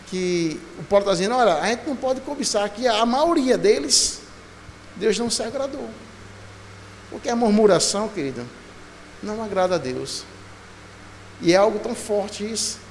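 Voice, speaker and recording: A male pastor preaching a sermon, telling a lively story and acting out voices and sounds. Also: high-pitched, slight background noise. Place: church. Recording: church hall reverb, faint ambience.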